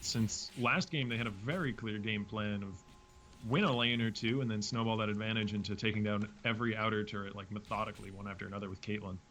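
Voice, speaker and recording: A man casting an esports match, giving quick play-by-play with wry jokes. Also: fairly low pitch, steady tone, a bit bright, a little hiss or hum. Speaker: esports caster. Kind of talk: play-by-play commentary.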